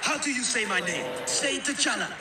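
A man voicing a proud, insistent male superhero king who shouts his lines, recorded far off in an echoey space over loud music. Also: very high-pitched, lively intonation, moderate pace, a loud crowd.

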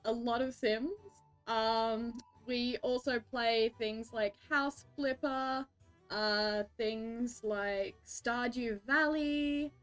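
A young Australian woman hosting a game livestream, talking to her chat in a high, light voice. She takes her time, lingering over her words between little giggles, with soft music playing behind her. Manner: chatty, giggly, greets viewers warmly. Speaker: streamer.

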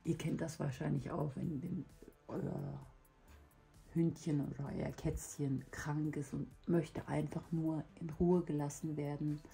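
A woman chatting casually and reflectively to her viewers, hoarse from a lingering cough, her weak voice giving out and breaking into breathy whisper. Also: deep voice, flat delivery, measured pace, dark tone, soft background music. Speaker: hobby video host. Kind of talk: casual personal chat to viewers.

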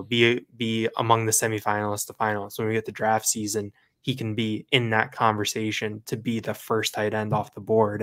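A man's voice: fairly low pitch, a bit bright. A man co-hosting a sports podcast, casually breaking down the game and rattling off stats with plenty of fillers. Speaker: podcast co-host.

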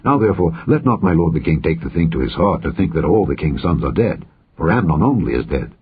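A man reading the part of a royal counselor who calmly reassures the king. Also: rumbling low, fast talker, a little hiss or hum. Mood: reassuring. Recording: dull lo-fi audio recording.

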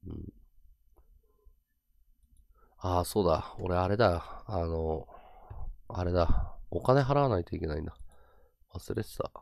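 A man casually chatting with his viewers on a livestream, with rough slangy talk that swings between excited bursts and low mumbled asides. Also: unhurried, long pauses, no room sound. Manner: rough slangy talk, repeats words for emphasis. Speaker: live streamer.

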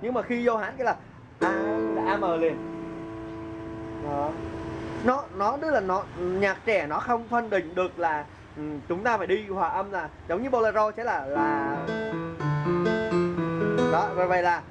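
A man's voice: sits high, lively intonation, unhurried, long pauses, over music. A man giving a casual keyboard lesson, chatty, counting beats aloud and humming melodies as he plays. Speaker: music teacher. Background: keyboard playing.

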